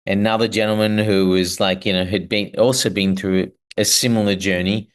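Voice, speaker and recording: A man's voice: fairly low pitch, fairly even intonation, moderate pace, clean tone. A man hosting a podcast, moving between casual chat and scripted reading. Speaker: podcast host.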